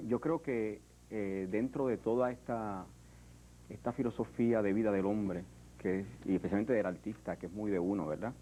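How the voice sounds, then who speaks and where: A man with a Puerto Rican accent, thinking aloud as he talks about his work. His voice sits low and sounds mellow and relaxed, with restarts and small pauses throughout. A faint hum of room ambience stays behind him. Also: poor audio. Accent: Puerto Rican Spanish. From Puerto Rico. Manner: reflective, hesitant, many fillers and restarts. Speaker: artist, sculptor. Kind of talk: interview conversation.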